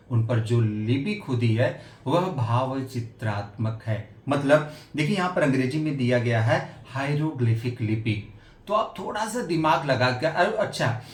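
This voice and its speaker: Earnest male teacher in an echoey room. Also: medium pitch. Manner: earnest, repeats points, frequent hesitation fillers. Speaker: exam-prep teacher and author. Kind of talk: informal exam-prep lesson.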